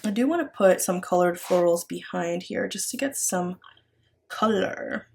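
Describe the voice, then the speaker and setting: A woman's voice: lowish voice, moderate pace, vocal fry, darkish tone, a little hiss or hum. A woman with an American accent chatting casually as she works, rambling and thinking aloud as a craft vlogger. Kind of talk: casual chat while working.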